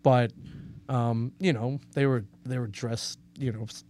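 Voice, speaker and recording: A man's voice: mid-range voice, steady tone, a little slow, darkish tone. A man co-hosting a podcast in casual chat, rambling and joking at his own expense. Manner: rambling, joking, self-deprecating. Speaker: podcast co-host.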